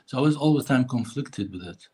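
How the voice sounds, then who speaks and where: A man's voice: medium pitch, animated, a little fast, mellow, husky, low-quality recording. A middle-aged man from Lebanon, a filmmaker answering interview questions over a video call, talking hesitantly. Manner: hesitant, many fillers and restarts. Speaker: filmmaker guest. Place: room indoors.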